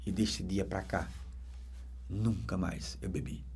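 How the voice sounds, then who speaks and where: This man, a deacon with a Brazilian Portuguese accent, tells his dramatic conversion story in a low-pitched, gravelly and slightly rough voice, taking it slowly with fairly even intonation. He shifts between loud, emphatic bursts and soft, hushed passages.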